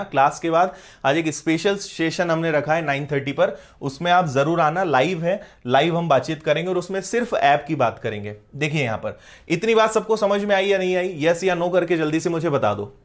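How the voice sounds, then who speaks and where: A man's voice: on the high side, animated, normal speed. A male maths teacher with a Hindi accent, explaining a problem step by step in a live online class and often asking whether students follow.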